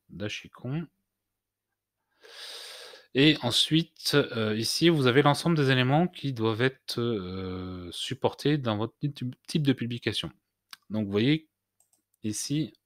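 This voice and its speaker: A man hosting a screen-recorded software tutorial, explaining step by step with many hesitations and restarts. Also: lowish voice, no room sound, clean studio sound. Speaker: tutorial host.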